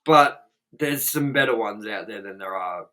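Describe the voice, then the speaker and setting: A podcast co-host with a lowish, pushed, bright voice and lively intonation chats at an unhurried pace. His casual talk rambles and loops back, full of curse words and fillers, especially "like" and "you know what I mean."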